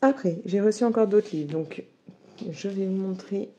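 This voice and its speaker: A woman's voice: medium pitch, normal speed, dark tone, dull audio. A woman in her thirties, a book vlogger chatting casually and eagerly through her latest books, with many fillers. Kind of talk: casual book haul chat.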